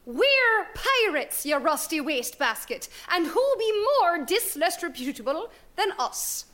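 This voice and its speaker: Mouthy lady pirate captain, very high and lively from an actress. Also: a little slow, full character voice. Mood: brash. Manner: brash, teasing. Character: brash female pirate captain, bold and mouthy.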